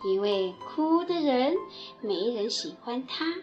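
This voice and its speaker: A woman narrating a children's story in a slow, gentle, expressive way. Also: on the high side, dull audio, faint music behind. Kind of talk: bedtime story reading.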